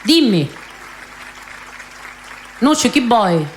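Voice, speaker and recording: A woman with a Sicilian accent from Catania hosts live and chats casually with callers. Her pitch moves up and down a lot, and faint music and chatter sit behind her. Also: big pitch swings, drawn-out words. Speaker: host and singer on a local call-in music show.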